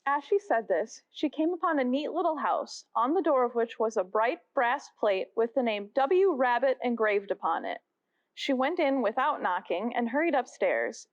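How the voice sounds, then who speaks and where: A woman reading a children's classic aloud as a guest reader, with animated storytelling. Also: on the high side, lo-fi sound. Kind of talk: expressive read-aloud narration.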